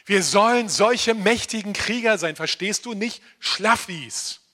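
An older man preaching a lively sermon to his congregation, often asking listeners directly whether they understand. He moves between loud, emphatic declarations and quiet asides, slowing down for key phrases. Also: sits high. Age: around 60. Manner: animated, addresses listeners directly with frequent "verstehst du?". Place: church congregation.

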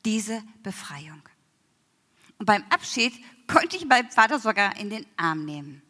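A woman giving a personal faith testimony, emotional, often slowing down and dropping to near whispers. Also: medium pitch, very animated, pushed and bright. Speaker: church member giving testimony. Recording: long hall reverb.

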